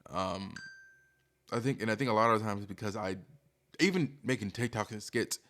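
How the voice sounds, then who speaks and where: A man's voice: on the low side, normal speed, fairly bright tone. A man streamer talking casually and candidly in a rambling, hesitant, self-deprecating monologue, as if thinking aloud.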